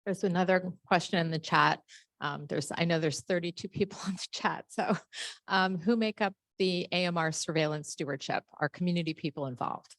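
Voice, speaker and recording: Low-voiced woman moderating questions. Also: moderate pace, a bit bright, dry recording. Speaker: seminar moderator.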